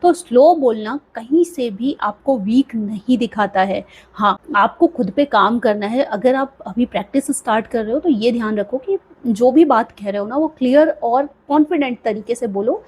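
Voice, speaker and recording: A woman's voice: fairly high pitch, normal speed, a little mellow, slightly rough. A young woman coaching viewers on speaking, in an encouraging, conversational way and often checking in with "theek hai". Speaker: speaking coach, video creator. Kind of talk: motivational tips talk to camera.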